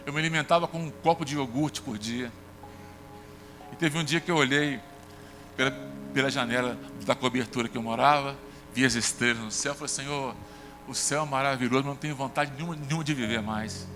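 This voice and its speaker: A man's voice: steady tone, fairly quick. Brazilian man, pastor, sermon storytelling, acted dialogue, long church reverb, music behind. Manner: conversational storytelling, acts out dialogue with shifts in pitch. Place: church sanctuary.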